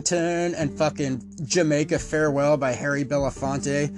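Profane, laughing man telling stories. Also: fairly high pitch. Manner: profane, laughing, animated storytelling. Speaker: podcast host. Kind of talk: casual storytelling.

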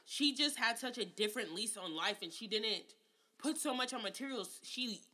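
A woman's voice: on the high side, lively intonation, normal speed, sharp tone. A woman co-hosting a casual podcast chat, talking in a profane, emphatic, ranting way.

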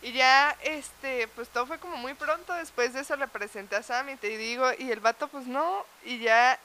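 High-pitched, bright Mexican woman with foul-mouthed storytelling. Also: moderate pace, a little hiss or hum. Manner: swearing freely, animated storytelling with laughing. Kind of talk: casual chat.

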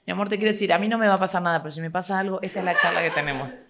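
A woman with an Argentine accent co-hosting a live podcast, telling stories in a casual, animated way and acting out quotes. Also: lowish voice, rapid-fire, background noise. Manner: animated storytelling, acts out quotes. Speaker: podcast co-host. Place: live stage before an audience.

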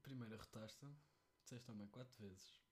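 A man's voice: on the low side, steady tone, normal speed, a little mellow. A young man with a European Portuguese accent, co-hosting a podcast with teasing, crude banter. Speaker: podcast co-host. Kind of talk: casual chat.

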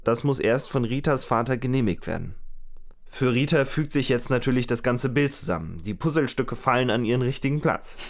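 A man telling a true crime story to a co-host in a relaxed, conversational way, acting out quoted lines now and then. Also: mid-range voice, a little fast. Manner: lively retelling with acted quotes. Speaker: podcast storyteller.

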